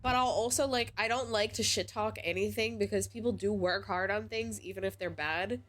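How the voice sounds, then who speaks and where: A woman's voice: medium pitch, fairly quick, fairly bright tone. Congested, chatty woman streamer. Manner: chatty, rambling with many "like"s. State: congested from a cold. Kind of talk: casual live-stream chat while gaming.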